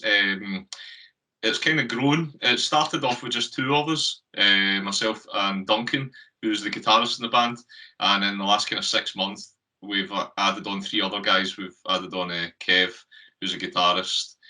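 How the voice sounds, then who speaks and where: A man's voice: low voice, fairly even intonation, a little slow, pushed and bright, distant mic. A man with a Scottish accent, chatting casually as a guest on a remote call, laughing often and filling gaps with ums. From Scotland. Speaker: guest, lead singer. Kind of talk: casual interview chat.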